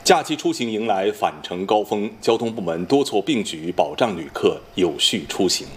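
A man's voice: lowish voice, animated. Formal male news anchor, swooping intonation. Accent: standard mainland Chinese Mandarin. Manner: formal, measured announcer delivery. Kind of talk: formal scripted news reading.

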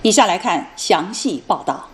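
A woman's voice: on the low side, lively intonation, moderate pace. A woman speaking standard Mainland Mandarin as a formal news anchor, reading scripted news with precise, composed delivery. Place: broadcast news studio.

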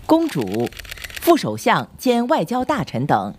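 A woman's voice: medium pitch, wildly swooping pitch, unhurried, slight background noise. A woman with a standard mainland Mandarin accent narrating a formal scripted news report. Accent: standard mainland Chinese Mandarin. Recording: ceremonial brass music behind voice. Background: brass band music.

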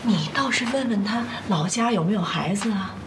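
An actress plays an outspoken younger sister in a screen drama. She chides bluntly with lively intonation, in an echoey space under loud noise. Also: medium pitch, normal speed, close to an everyday voice. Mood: impatient. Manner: blunt, chiding. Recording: echoey room, very noisy background.

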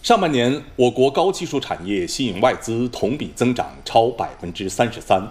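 A man reading scripted news as a formal Chinese news anchor, solemn and measured, in precisely enunciated standard mainland Mandarin. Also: mid-range voice, lively intonation, a little mellow.

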